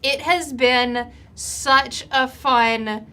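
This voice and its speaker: A woman's voice: high-pitched, steady tone, drawn-out words, sharp tone. A woman guest on a live stream, chatting with enthusiasm about voting data, with many fillers. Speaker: festival vote counter and guest. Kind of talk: casual live-stream chat.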